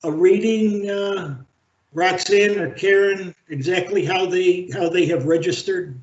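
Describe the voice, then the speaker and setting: A man chairing a library board meeting over a video call, speaking in a halting, measured way with frequent fillers. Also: sits high. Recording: roomy, dull video-call audio.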